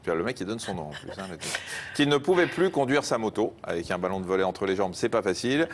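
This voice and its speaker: A man's voice: low-pitched, expressive, fast talker, slight background noise. A man presenting live news, bantering with a co-presenter and slipping in teasing, colloquial asides.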